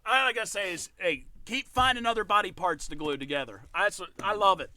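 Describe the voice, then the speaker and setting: Giggly high-voiced man co-hosting. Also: a little fast, pushed and bright, slight background noise. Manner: giggly, jokey, laughs often. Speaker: podcast co-host. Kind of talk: casual comedic chat.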